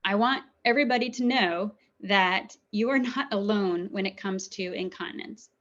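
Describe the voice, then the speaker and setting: A woman's voice: medium pitch, moderate pace. Woman doctor giving a webinar talk. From New Zealand. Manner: warm, conversational, frequent ums. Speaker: urologist. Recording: dull lo-fi webinar audio.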